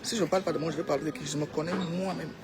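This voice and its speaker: Racing along in a low, steady voice, a Cameroonian-accented woman delivers an opinionated, informal monologue to her followers in a very noisy recording. This social media commentator urges her audience on and repeats phrases for emphasis.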